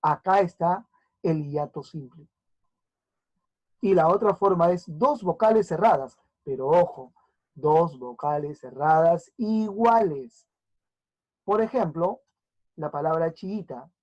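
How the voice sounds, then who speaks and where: A woman's voice: lowish voice, darkish tone, lo-fi sound. A woman teacher giving a recorded grammar lesson, sounding words out syllable by syllable and often checking that her students follow. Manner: spells out syllables slowly, often checking understanding.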